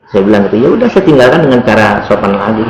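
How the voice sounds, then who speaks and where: A man as an interview guest, telling his story in an earnest, devout, soft and steady way. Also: fairly low pitch, rapid-fire. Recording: roomy echo.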